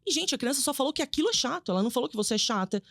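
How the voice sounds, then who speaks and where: A woman psychoanalyst talking casually on a podcast, explaining fast with lively emphasis. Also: high voice, gravelly, no echo, studio quality. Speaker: psychoanalyst guest.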